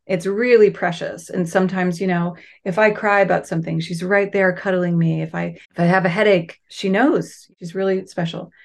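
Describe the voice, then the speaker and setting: Woman gushing, chatty and warm-hearted, lowish voice. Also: steady tone, normal speed, creaky, few pauses. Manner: enthusiastic, affectionate, chatty. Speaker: guest asking questions. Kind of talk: casual chat.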